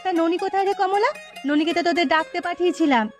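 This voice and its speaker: Over soft background music, a woman with a very high voice talks fast while voicing characters in a cartoon story. She plays a caring, chatty village mother who fusses in a homely way, and a young niece, sounding mildly exasperated.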